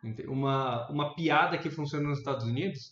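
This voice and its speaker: A man with a Brazilian accent making his points in a casual debate, thinking aloud with restarts and sudden animated rises in pitch. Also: a little fast. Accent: Brazilian Portuguese. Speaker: debate panelist. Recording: echoey room, dull lo-fi sound.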